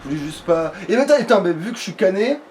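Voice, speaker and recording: A man at the controls of a let's play chats casually and thinks aloud, grumbling to himself in foul-mouthed, colloquial speech. His voice sits high with big pitch swings, a darkish tone and a racing pace. It's a noisy home recording with clear background noise.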